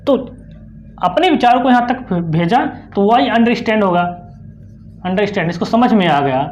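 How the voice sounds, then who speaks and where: A young woman with an Indian accent teaching an online exam-prep lesson, putting quick questions to the class and answering them herself, repeating the key terms. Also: mid-range voice, lively intonation, a little mellow, dull audio. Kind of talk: explanatory online lecture.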